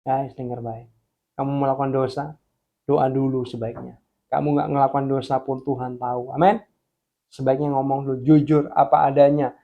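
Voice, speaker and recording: A male preacher giving an animated sermon, urging his listeners and calling out to them directly. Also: mid-range voice, normal speed, creaky, narrow, tinny audio. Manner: animated, urges listeners, calls them guys.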